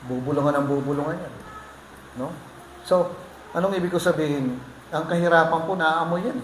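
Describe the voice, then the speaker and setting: A man's voice: on the high side, normal speed. A man preaching a sermon as pastor, joking with and teasing the congregation. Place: church hall. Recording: echoey hall with faint noise.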